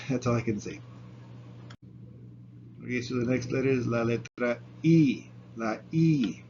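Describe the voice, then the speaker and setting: Slow-paced man teaching pronunciation. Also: medium pitch, a little mellow. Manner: patient, repeats syllables slowly, chuckles at own slips. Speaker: language teacher. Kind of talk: spoken pronunciation lesson. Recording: dull lo-fi sound, faint room noise.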